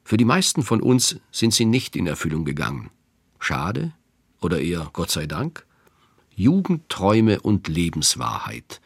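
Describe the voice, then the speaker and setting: Deep-voiced reflective man narrating. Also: wildly swooping pitch, gravelly, breathy edge, no room sound, studio quality. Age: 50s. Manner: reflective, measured. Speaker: radio feature host. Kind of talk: scripted radio narration.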